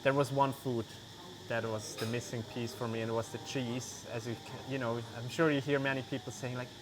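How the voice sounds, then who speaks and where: A Swiss vegan cheese maker, a guest in a casual interview, talks in relaxed English peppered with "like" and "you know." His voice is middling in pitch for a man and a little fast, and crickets and insects are clearly audible since he's recorded outdoors.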